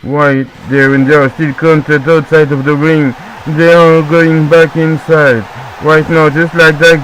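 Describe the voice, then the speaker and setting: A man whose first language is French, doing excitable play-by-play wrestling commentary with jokey asides and repeated calls. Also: on the high side, a little hiss or hum, low-quality recording.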